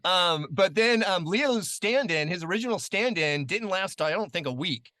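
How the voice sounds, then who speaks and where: Bright, chatty man telling stories. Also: high voice, normal speed, no room sound. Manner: chatty, many fillers, animated when quoting. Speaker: guest. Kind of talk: casual storytelling interview.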